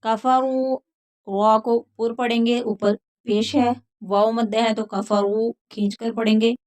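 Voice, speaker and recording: A woman teaching a tajweed lesson, patiently explaining each rule and then chanting the verses slowly. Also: a little high, flat delivery, darkish tone. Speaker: Quran recitation teacher.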